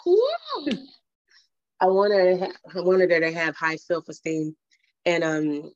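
A woman's voice: low-pitched, flat delivery, normal speed, dry recording, lo-fi sound. A woman in her thirties, chatting on a video call as a mother telling her story, rambling with many fillers and restarts. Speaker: guest, mother. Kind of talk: casual video call chat.

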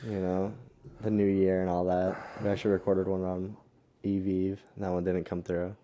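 An American man with a fairly low, dark and relaxed voice chats as a podcast host. He talks like a frat bro, loose and slangy, and swears freely. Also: moderate pace. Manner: frat-bro talk, slangy and heavily profane. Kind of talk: casual chat.

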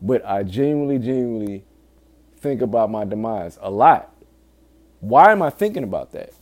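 A man's voice: lowish voice, very animated, moderate pace, a little mellow. A man speaking casually and candidly in a solo podcast monologue, swearing often and earnestly pleading with listeners in urgent warnings. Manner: informal, frequent swearing. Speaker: podcast host.

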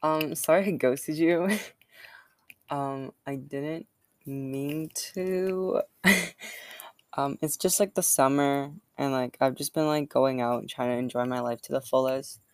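A woman's voice: extremely low pitch, fairly even intonation, slow, a little mellow, no room sound. A young adult woman hosting a podcast in casual chat, rambling with constant fillers, recorded outdoors on a built-in computer microphone. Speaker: podcast host.

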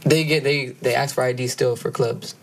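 A man's voice: medium pitch, fairly even intonation, moderate pace, creaky, a little hiss or hum, rough recording. A nineteen-year-old man, a guest, bantering in a laid-back, self-deprecating way. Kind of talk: casual interview chat.

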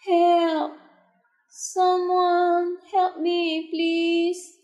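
A woman's voice: extremely high pitch, flat delivery, very slow, darkish tone, faint music behind, voice pushed up, exaggerated voice. A woman voicing a young male bear cub in a storybook, in a roomy, echoey recording. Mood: desperate. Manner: mocking, later crying for help.

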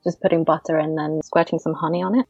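A woman co-hosting a casual chat, relaxed and laughing, talking to listeners as guys. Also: low-pitched, fast talker, husky, no echo, muffled recording, faint music behind. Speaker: podcast co-host.

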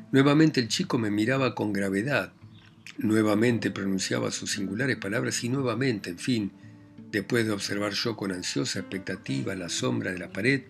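A man reading a novel aloud in a grave, measured first-person narration with an Argentine Spanish accent. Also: fairly low pitch, gravelly. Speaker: audiobook narrator. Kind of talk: scripted literary narration.

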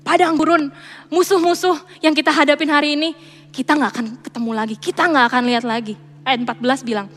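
A young woman, preaching in a chatty, animated way and slipping in English phrases. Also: high voice. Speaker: church speaker. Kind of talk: casual sermon. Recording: reverberant church hall with faint music.

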